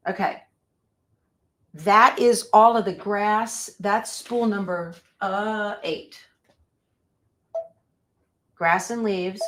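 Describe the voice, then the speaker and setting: A woman teaching machine embroidery on a live stream, thinking aloud as she sets up her machine and chatting with viewers. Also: medium pitch. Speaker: embroidery instructor. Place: sewing room.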